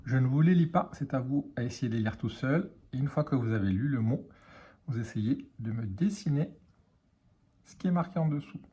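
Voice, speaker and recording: A man's voice: mid-range voice, expressive, moderate pace, mellow, husky. A French man teaching a children's reading lesson, sounding out words letter by letter and syllable by syllable.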